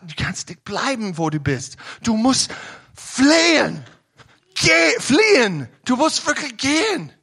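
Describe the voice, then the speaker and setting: A young man preaching a sermon in German, with frequent restarts, at times rising to emphatic shouting. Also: fairly high pitch, breathy edge.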